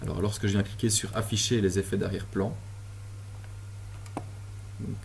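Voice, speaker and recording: Man, low voice, from Belgium, software tutorial, relaxed, many fillers, computer mic, faint background noise. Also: moderate pace, creaky. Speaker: instructor. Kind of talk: screen-share software tutorial. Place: home apartment.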